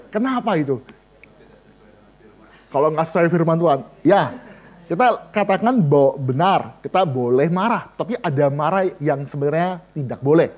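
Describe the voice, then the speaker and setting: A man delivers a sermon. His pitch swings widely as he jokes and talks straight to his listeners. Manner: lively, joking, addresses listeners directly. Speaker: vicar preaching to a women's and seniors' Bible study.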